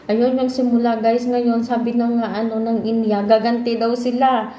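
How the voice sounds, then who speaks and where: A woman's voice: on the high side, level tone, moderate pace, dark tone, a little hiss or hum. A Filipino woman chatting casually to her viewers, often calling out to them and mixing in English. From Philippines. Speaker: vlogger. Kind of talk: casual chat to camera. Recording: echoey room with faint ambience.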